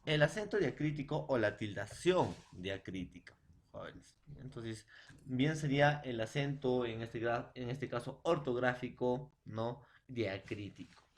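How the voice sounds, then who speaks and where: A man's voice: mid-range voice, measured pace. A Peruvian man teaching a school lesson online, speaking to his students often and repeating lists in a chanting way. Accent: Peruvian Spanish. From Peru. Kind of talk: classroom lesson. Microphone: online class.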